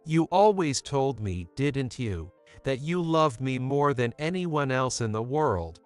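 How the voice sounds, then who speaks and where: Pushy, incredulous cheating husband voiced by a man, animated and clear-voiced. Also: medium pitch, slow pace, faint music behind. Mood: defensive. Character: arrogant cheating husband, young adult man.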